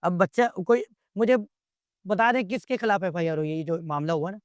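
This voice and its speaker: A man's voice: high voice, animated, a little fast, smooth, dry recording, clean studio sound. A man, speaking as an interview guest in a heated, exasperated way and firing off rhetorical questions. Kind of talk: impassioned interview commentary.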